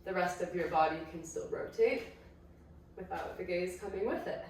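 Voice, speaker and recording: A woman with a croaky voice from illness leads a chatty, encouraging guided exercise class at home. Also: fairly low pitch, normal speed, slight background noise. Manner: chatty, encouraging, self-correcting. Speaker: pilates instructor. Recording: very echoey room, distant mic, faint ambience.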